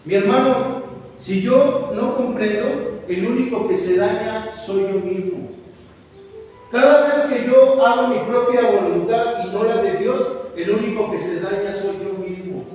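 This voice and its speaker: High-voiced preacher in echoey hall. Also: male voice, a little slow, darkish tone, distant mic, soft background music. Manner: fervent, repeats phrases, keeps calling out "my brother". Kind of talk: sermon. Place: church hall.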